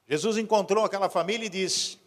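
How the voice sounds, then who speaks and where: A man preaching a sermon as pastor. He moves from quiet storytelling to loud, urgent exhortation. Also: high voice, a little fast. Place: church. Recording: long hall reverb.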